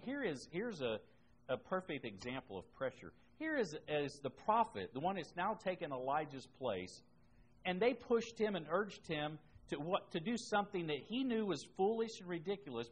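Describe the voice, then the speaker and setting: A man's voice: mid-range voice, slight background noise. Conversational man teaching a Bible class. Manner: conversational, reads scripture then explains with asides.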